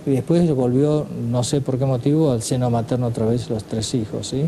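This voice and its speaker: Dark-voiced expert guest analyzing a case. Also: male voice, medium pitch, fairly even intonation, moderate pace, slight background noise, low-quality recording. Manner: hesitant, with fillers like este and digamos. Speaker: psychiatrist guest. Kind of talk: expert commentary on a talk show.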